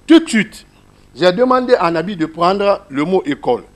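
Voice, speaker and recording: A man's voice: high-pitched, very animated, moderate pace. A man with a Guinean French accent teaching a class, explaining a reading method step by step and asking his listeners questions.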